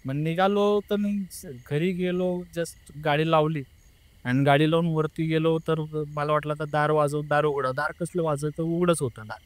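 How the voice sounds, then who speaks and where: Young guy with a highish voice telling a scary family story, earnest, dry close mic. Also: steady tone, normal speed, dry recording. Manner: earnest, emotional, re-enacts family members' words. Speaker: guest telling a personal story. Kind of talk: casual interview storytelling.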